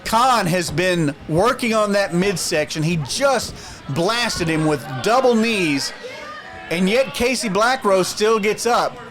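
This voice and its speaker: A man doing excited, dramatic wrestling commentary as the lead announcer, emphatic and fond of rhetorical questions. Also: high voice, slow, soft background music.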